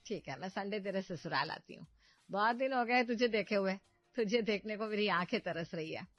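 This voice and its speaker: A woman voicing a meddling, domineering middle-aged mother who loudly stirs up trouble in her family. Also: medium pitch, moderate pace, dry recording, dull audio, soft background music, close to an everyday voice. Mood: sweetly scheming.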